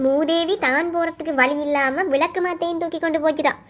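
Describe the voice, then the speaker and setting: A woman's voice: extremely high pitch, fairly even intonation, a little fast, soft background music. A woman with a Sri Lankan Tamil accent voicing a harsh, scornful mother who scolds and mocks in a cartoon. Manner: scolding, sarcastic. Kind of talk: cartoon voice acting.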